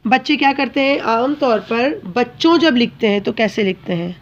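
A woman teacher with a somewhat high voice explains handwriting to children one step at a time. She is patient and keeps checking that they understand. The recording sounds muffled and lo-fi. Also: animated, moderate pace.

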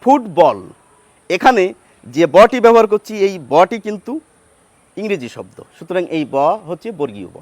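High-voiced Bengali teacher, slow and deliberate. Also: male voice, sing-song, no echo. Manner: deliberate, sounds out example words, asks questions then answers them. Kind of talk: grammar lesson.

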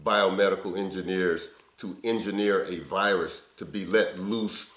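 A man's voice: low voice, steady tone, measured pace, fairly bright tone, reverberant. An older man preaching a sermon in an earnest, conversational way, recorded on a webcam in an indoor office. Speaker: pastor. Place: indoor office before window blinds.

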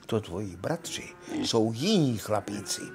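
A man's voice: fairly low pitch, sing-song, gravelly, a little mellow, slight background noise. An older man reading aloud and voicing a stern old father who scolds his son. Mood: scolding.

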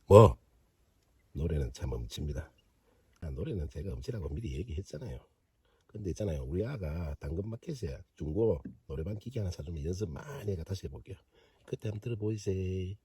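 A man's voice: low voice, warm tone, breathy edge, dry recording, far from the mic. A man with a Gyeongsang accent hosting a fishing vlog on a frozen lake, chatty and joking, talking to himself and the fish. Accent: Gyeongsang Korean. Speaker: fishing channel host. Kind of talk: casual fishing vlog commentary.

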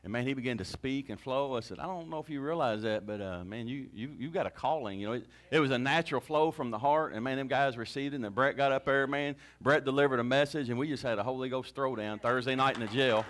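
A pastor fires off a fast, nearly pause-free exhortation to his small church congregation, restarting his sentences with fervor as he introduces a testimony. He holds a handheld mic, the camera is far away, and his mid-range voice has a fairly bright tone.

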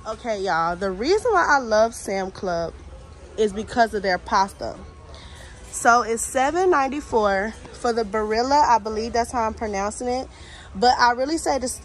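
A young American woman addresses her viewers directly in a casual, informal shopping-vlog style while walking through a big warehouse store. Her voice is on the high side, and the poor-quality recording picks up faint store ambience.

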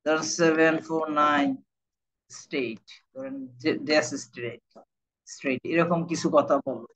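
A man's voice: fairly high pitch, moderate pace, a bit bright, low-quality recording. A man from Bangladesh teaching an IELTS class live online, repeating key words and often checking whether his students follow. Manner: repetitive, keeps checking understanding with students.

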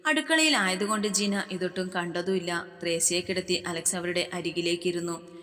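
A woman calmly reading a romance novel aloud as narrator. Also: fairly low pitch, moderate pace, in a large hall. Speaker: story narrator.

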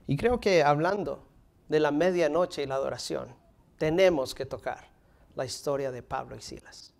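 Standing on an indoor stage before a curtain, a male pastor in his thirties gives a sermon at normal speed in a fairly high voice with vocal fry. His animated delivery leans into forceful lines and drops to near-whispered, intimate phrases for emphasis, captured by a room mic from across the stage.

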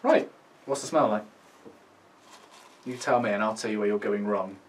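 A man's voice: fairly low pitch, normal speed. A British man in his twenties co-hosting a review video in casual, bantering chat. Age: 20s. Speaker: co-host of a pipe tobacco review video. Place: small indoor room. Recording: distant mic, faint room noise.

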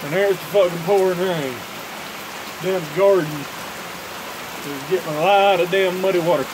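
Filming his dip tobacco review on a phone with a kickstand, a young vlogger talks from a covered porch in heavy rain. His high-pitched voice moves at normal speed, casual and rambling in a laid-back drawl with frequent cursing, and the background is noisy with rainfall.

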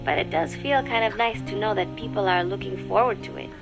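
Game audio diary: a woman plays a quiet, formal teenage girl with a mid-pitched voice, low music underneath. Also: gravelly, natural voice, low-quality recording. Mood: reflective. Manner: measured, formal, quiet with soft whispered dips.

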